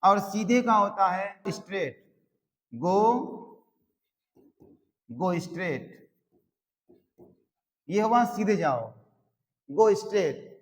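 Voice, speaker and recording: Slow-spoken male teacher in a reverberant room. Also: sits high, expressive. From Bihar, India. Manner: very slow, repeats each phrase word by word. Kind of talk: slow classroom explanation of English grammar.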